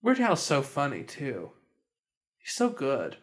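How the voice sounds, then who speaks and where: A man's voice: mid-range voice, huge pitch swings, slow. A young man hosting a casual podcast chat, often hesitant and restarting his sentences. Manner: hesitant, many restarts and stammers. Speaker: podcast host.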